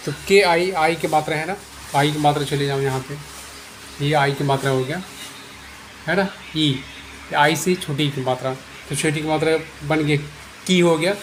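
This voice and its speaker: A man's voice: fairly high pitch, a little hiss or hum. A man giving a patient, repetitive lesson at a board, often checking that his students understand. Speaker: teacher. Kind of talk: whiteboard English lesson. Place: room with a board.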